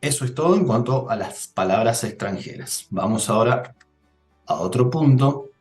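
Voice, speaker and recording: A man's voice: mid-range voice, expressive, normal speed, darkish tone, roomy sound, faint music behind. A man teaching an online grammar lesson, explaining each rule step by step and checking in with short questions. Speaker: Italian teacher.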